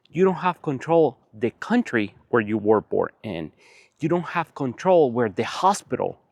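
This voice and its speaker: A man speaks earnestly to the camera, leaning on repeated phrases to drive his point home. His voice sits at an ordinary middle pitch and sounds close and dry, with little room around it, even though he is outside on a windy evening. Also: dry recording. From Venezuela. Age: 40s. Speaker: vlogger. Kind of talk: motivational talk to camera.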